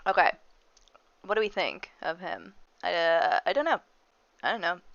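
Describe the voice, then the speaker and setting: A woman chatting casually as a player in a tabletop game, quick with asides. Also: fairly low pitch, animated, gravelly, a bit bright, no room sound, muffled recording.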